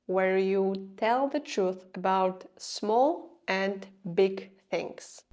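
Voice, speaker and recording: A young Polish woman, a video creator speaking English as a second language, gives an earnest, confessional talk in a scripted explanatory vlog, her grammar slightly non-native. She has a Polish accent and a mid-range voice with a darkish tone.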